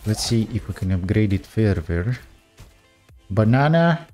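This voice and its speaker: A young man giving casual gameplay commentary, talking straight to his viewers with frequent excited exclamations. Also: on the low side, measured pace, soft background music.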